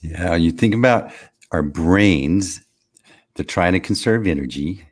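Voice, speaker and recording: A man's voice: sits low, animated, unhurried. A man co-hosting a podcast, reflecting in casual chat and asking his co-host leading questions.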